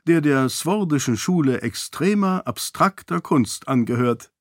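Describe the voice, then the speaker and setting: A man voicing a stubborn, spirited young princess in a lifted, lively voice. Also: fairly high pitch, no echo, studio quality. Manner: raised, lively and quick.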